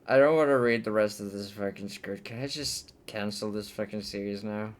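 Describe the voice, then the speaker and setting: A man reviewing a movie he hates, ranting with heavy swearing. He swings between loud outbursts and low, fed-up mutters. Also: moderate pace.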